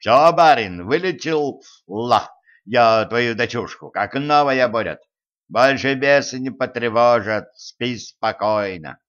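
Man doing a gruff old graveyard boss, slow folksy bossy talk, dull lo-fi sound. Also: mid-range voice, expressive, a bit bright. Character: gruff male graveyard master posing as a fortune-teller.

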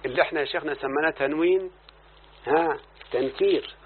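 A man's voice: a little high, fast. A man with an Egyptian accent teaching a grammar lesson, explaining verses and checking in with his student. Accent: Egyptian Arabic. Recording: lo-fi phone-like recording with faint hiss.

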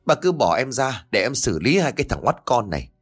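A man voicing a stout, hot-tempered middle-aged village woman, scolding loudly and fast. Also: medium pitch, big pitch swings, breathy edge, soft background music.

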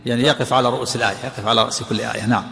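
Gravelly older sheikh explaining quickly. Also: male voice, mid-range voice, steady tone, pushed and bright. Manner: interrupting the reader with questions and corrections. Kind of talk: lesson commentary. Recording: reverberant hall with faint noise.

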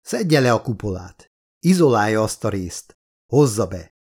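A man's voice: fairly low pitch, very animated, darkish tone, slightly rough, exaggerated voice. A man voicing a commanding male spaceship captain in a sci-fi audiobook, giving curt barked orders. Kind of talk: audiobook character voice.

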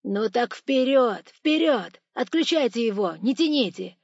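Audiobook villain: a woman voicing a threatening male robber, loud, dry lo-fi sound. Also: medium pitch, fairly even intonation, unhurried, creaky, no room sound. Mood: menacing. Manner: shouting, threatening. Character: stern masked male robber, menacing.

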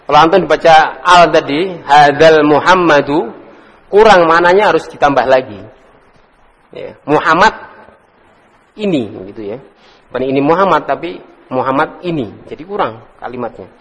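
A man teaching Arabic to a class, quizzing students, correcting them with gentle teasing and sounding out words slowly. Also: on the high side, expressive, slight background noise. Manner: drills pronunciation slowly, corrects and teases students. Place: lecture hall with students. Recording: echoey hall recording.

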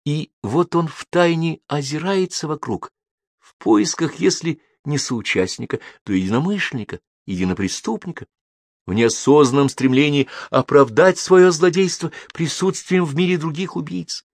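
A man's voice: on the high side, animated, moderate pace, no echo, clean studio sound, voice pushed up. A man voicing an indignant, hurt educated young man who pleads and protests. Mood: brooding.

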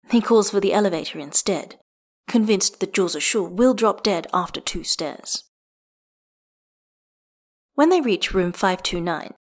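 Woman, audiobook narrator, mid-pitched voice, expressive, measured pacing, dramatic pauses. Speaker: fanfiction reader.

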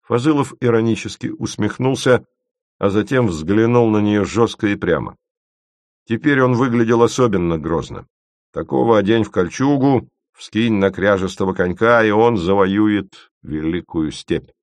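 A man narrating an audiobook in an even, measured manner. His voice is deep. The recording is close and dry. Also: no room sound.

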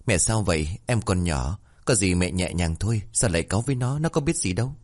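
A man doing a gentle worried young woman. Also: sits low, animated, brisk. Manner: soft, coaxing.

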